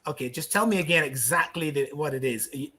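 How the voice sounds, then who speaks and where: Bright-voiced middle-aged man hosting. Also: fairly high pitch, slightly rough. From Barbados. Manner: courteous, talkative, halting at the guest's name. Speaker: host. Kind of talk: casual video-call chat.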